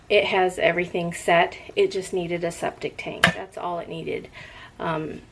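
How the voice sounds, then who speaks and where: Middle-aged female vlogger, lowish creaky voice, loose rambling conversational delivery, some background noise. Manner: rambling, often drifting off topic and picking the thread back up. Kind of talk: casual rambling chat.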